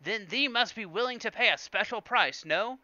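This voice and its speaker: A pushy, greedy alien shopkeeper barks and haggles in a raised, higher, bright voice, as a man puts him on. His voice swings up and down as he bargains. The recording is slightly dull, with a faint hum behind him. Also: animated, moderate pace, dry recording, exaggerated voice. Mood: haggling. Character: gruff greedy male alien junk dealer.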